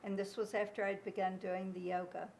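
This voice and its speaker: A woman interviewed as a mother, speaking in an unhurried, thoughtful way. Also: medium pitch, level tone, gravelly, darkish tone, a little hiss or hum. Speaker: mother interviewed about parenting. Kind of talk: documentary interview.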